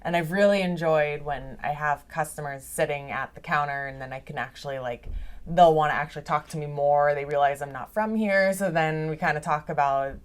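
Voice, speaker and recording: As a podcast guest on a video call, a young woman chats casually and briskly in a low-set voice, laughing often and saying "like" again and again.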